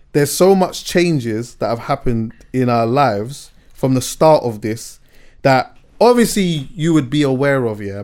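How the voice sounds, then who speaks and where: A man's voice: mid-range voice, darkish tone. A man with a London English accent hosting a podcast in casual, slangy chat, often tagging his phrases with "yeah". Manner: conversational, often punctuates with "yeah" and "you know". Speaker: podcast host.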